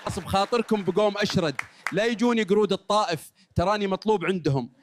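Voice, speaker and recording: A man's voice: high-pitched, fast, a crowd in the background, natural voice. A man with a Saudi accent voicing a cheeky, boastful monkey doing a stand-up routine of short joke stories, delivered with mock grievance. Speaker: stand-up comedian. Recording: clearly noisy recording.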